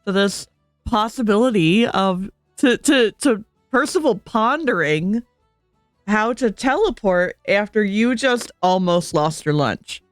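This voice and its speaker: A woman acting as game master of a streamed tabletop game, playful and quick to laugh, with halting restarts. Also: mid-range voice, expressive, dry recording, clean studio sound, soft background music.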